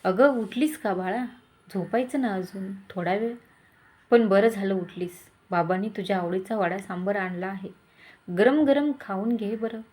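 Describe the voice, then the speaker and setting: A woman's voice: medium pitch, measured pace, darkish tone, close to an everyday voice. A woman voicing a caring older mother-in-law, speaking in a bossy yet tender way.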